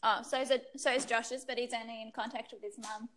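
A woman's voice: a little high, fairly even intonation, a little fast, fairly bright tone, a little hiss or hum. A woman in her twenties with a Sydney Australian accent, chatting casually and explaining things. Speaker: guest, recent law graduate. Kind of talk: casual chat.

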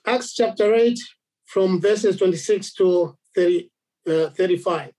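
A man from Zambia preaching a sermon, halting, with many repeated words and fillers. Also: high-pitched, mellow, rough recording.

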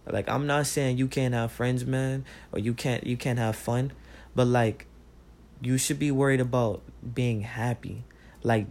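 Man, casual rant, profane, rambling, heated, mid pitch. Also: darkish tone.

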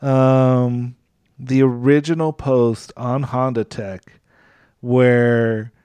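A male podcast host chats at an unhurried, slow pace, relaxed and quick to laugh. His voice is smooth and clear. The sound is dry and close. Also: medium pitch, no echo. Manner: relaxed, frequent backchannel and laughter. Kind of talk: casual podcast chat.

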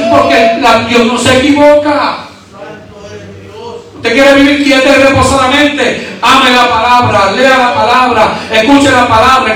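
A very high-pitched man preaches with fervor in short, repeated, exclamatory bursts. His voice comes from far off the microphone and echoes heavily around a large church. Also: fairly bright tone. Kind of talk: sermon and prayer.

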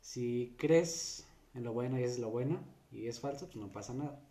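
Mellow-voiced man chatting. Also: mid-range voice, moderate pace. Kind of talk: casual chat.

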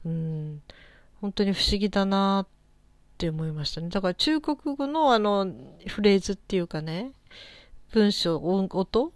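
A middle-aged woman talks alone to her listeners in a relaxed, musing way, pausing often on soft fillers as she thinks. Her voice is mid-pitched and very dry, close to the mic with no room sound. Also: no echo. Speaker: solo podcast host. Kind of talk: casual solo talk.

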